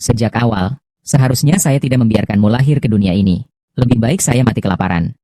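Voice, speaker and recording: A man's voice: mid-range voice, a little fast, warm tone, no echo, clean studio sound, close to an everyday voice. A man voicing a scheming, grasping middle-aged mother who scolds with contempt, in dubbed drama dialogue. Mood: scolding.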